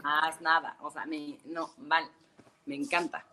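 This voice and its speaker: A woman with a Mexican accent, chatting as a guest in an interview and telling animated stories full of fillers, heard over a phone call. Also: low voice, a little slow, creaky. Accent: Mexican Spanish. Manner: animated storyteller, many fillers like "este" and "o sea". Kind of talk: casual interview chat.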